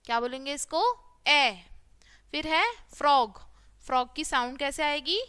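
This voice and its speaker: A woman's voice: high-pitched, steady tone, moderate pace, sharp tone. A woman teacher, giving a phonics lesson to young children and repeating each sound as question and answer.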